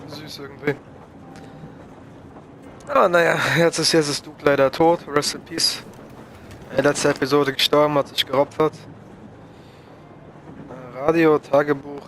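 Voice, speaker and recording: Higher-pitched man giving casual gaming commentary. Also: little pitch movement, normal speed, long pauses, a bit bright. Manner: joking, chatty, talks back to game characters. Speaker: let's play host.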